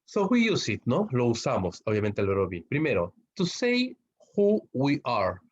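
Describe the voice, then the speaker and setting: Man in a recorded online lesson, Peruvian Spanish accent, mid-pitched, steady explainer, muffled lo-fi audio. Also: slightly rough. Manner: explains slowly with tag questions. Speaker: English teacher. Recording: dull lo-fi recording.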